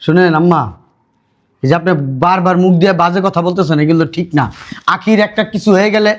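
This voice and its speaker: Actor as young stepson and big brother, high male voice, fast, pleading. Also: lightly acted. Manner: insistent, pleading. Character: earnest young stepson and elder brother, protective.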